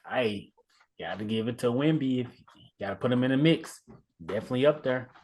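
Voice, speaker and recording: Man, mid-pitched, easygoing podcast co-host, chuckles a lot, repeats himself. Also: brisk, a little hiss or hum. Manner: relaxed, laughing often, repeats words. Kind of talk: casual sports chat.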